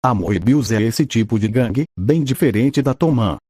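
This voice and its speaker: Guy narrating a fan story, mid pitch, flat even read, dry close mic. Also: normal speed, breathy edge, dry recording. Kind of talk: narrated fan fiction with quoted character lines.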